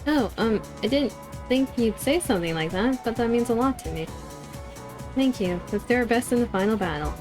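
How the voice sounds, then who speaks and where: A woman's voice: on the high side, animated, normal speed, close to an everyday voice. Shy, earnest girl teammate in a video game, acted by a woman, hesitant, music underneath. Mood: shy, touched.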